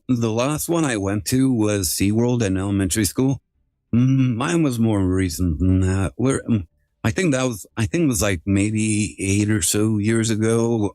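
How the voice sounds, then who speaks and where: A man's voice: fairly low pitch, darkish tone, dry recording, studio quality. A man streaming live through a voice changer, chatting casually with rambling, filler-heavy sentences that often restart. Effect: voice changer altering his voice.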